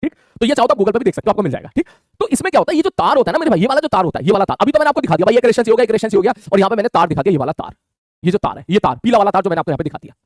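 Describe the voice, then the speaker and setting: A man teaching a physics lesson online, talking in a quick, colloquial way and checking in with his students constantly. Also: high voice, lively intonation, no room sound, clean studio sound. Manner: rapid colloquial Hindi, calls students "mere bhai", frequent "theek hai".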